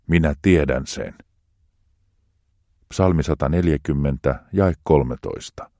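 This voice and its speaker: Low deep male voice, slow solemn psalm reading, dry no-room sound. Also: mellow, no echo. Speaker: scripture reader.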